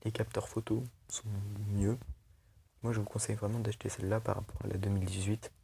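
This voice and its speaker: A man's voice: lowish voice, flat delivery, fairly quick, vocal fry, noisy background. A young man casually reviewing a tablet for his video channel, chatty and loose, full of fillers and restarts. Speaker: tech video host.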